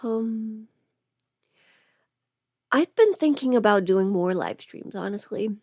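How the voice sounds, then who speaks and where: A livestreamer chats casually with her viewers while getting ready, rambling and breaking off to think aloud. Her pitch is mid-range for a woman and her tone darkish. The sound is close and dry, with very little room and no echo.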